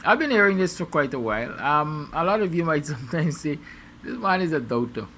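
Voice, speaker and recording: A man's voice: a little high, animated, a little fast, fairly bright tone, a little hiss or hum. A Guyanese man hosting a morning show, musing aloud with rhetorical, sarcastic questions to his viewers. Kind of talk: opinion monologue to viewers.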